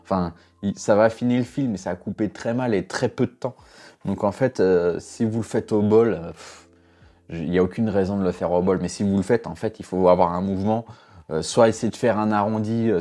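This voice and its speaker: Low mellow-voiced man reacting bluntly. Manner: blunt, exasperated, swears and laughs often. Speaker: knife sharpener. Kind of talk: casual reaction commentary.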